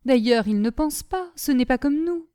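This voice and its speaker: A woman playing a gentle, devoted sister. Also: sits high, expressive, normal speed, smooth, dry recording, clean studio sound. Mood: tender. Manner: tender, pleading, earnest.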